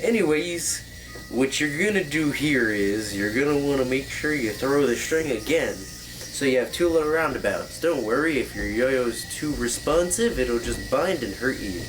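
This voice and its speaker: A man's voice: mid-range voice, lively intonation, normal speed, soft background music, low-quality recording. A man hosting a casual, joking tutorial, explaining like a rambling professor who drifts into tangents and corrects himself. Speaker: tutorial host.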